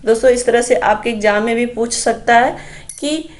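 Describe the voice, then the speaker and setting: A woman's voice: fairly high pitch, moderate pace. A young adult woman teaching an exam-prep grammar lesson, explaining step by step and pointing the listener to examples on slides. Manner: explanatory, addresses viewers as friends, points at slides.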